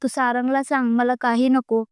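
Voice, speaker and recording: Woman reading as a quiet, firm groom. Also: high-pitched, little pitch movement, normal speed, clean tone, no echo, clean studio sound, close to an everyday voice. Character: reserved, proud young groom.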